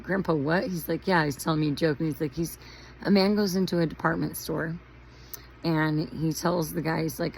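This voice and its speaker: Hoarse, raspy woman vlogger with a low, gravelly voice; chatty, tangent-prone storyteller. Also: a little hiss or hum, poor audio. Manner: rambling, chatty, lots of fillers and tangents. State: hoarse from shouting. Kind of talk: casual storytelling monologue.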